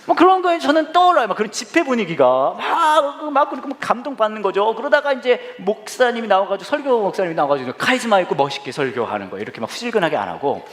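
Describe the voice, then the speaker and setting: A man preaching a casual, humorous sermon, acting out scenes with sound effects and mock shouts in a church. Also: high voice, big pitch swings, fast talker, few pauses. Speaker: pastor. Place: church sanctuary. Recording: echoey hall, voice somewhat distant.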